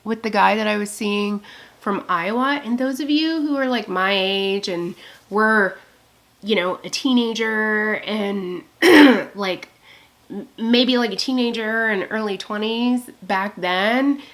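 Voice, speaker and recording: A talkative woman in her thirties, swearing freely as she rambles through a story. Her voice has a gravelly fry under a middle pitch. She speaks to her own camera at home. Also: slow, fairly bright tone. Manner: chatty, profane, storytelling with quoted asides. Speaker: beauty vlogger. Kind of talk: rambling get-ready-with-me chat.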